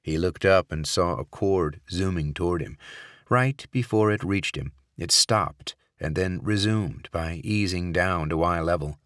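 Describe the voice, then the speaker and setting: A man narrating a thriller audiobook in a steady, measured storytelling manner. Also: low-pitched, no room sound, studio quality.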